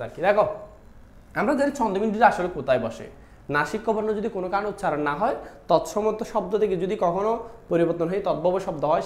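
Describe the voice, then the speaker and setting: In an echoey room, a male teacher preparing students for the Bangla admission test goes over spelling questions in a live online session, talking fast in a high voice. He keeps quizzing the class, addresses them directly, leans on "dekho," and answers the questions he poses.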